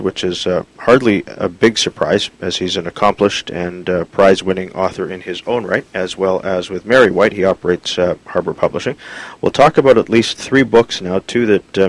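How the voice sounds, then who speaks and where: A man hosting an interview, measured and full of "uh" fillers. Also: deep voice, poor audio. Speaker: radio interview host. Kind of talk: interview with a scripted introduction.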